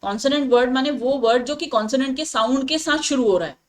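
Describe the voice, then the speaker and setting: Woman teacher patiently explaining English grammar. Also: high voice. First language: Hindi. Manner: explains patiently, repeats points and checks understanding often; reads English example sentences slowly and deliberately.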